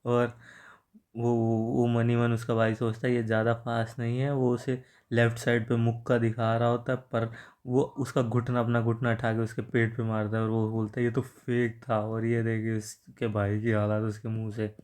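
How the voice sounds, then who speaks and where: A man tells a comic's plot in a loose, casual recap, dropping crude slang and chuckling asides. His voice stays flat and steady at a middle pitch. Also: moderate pace.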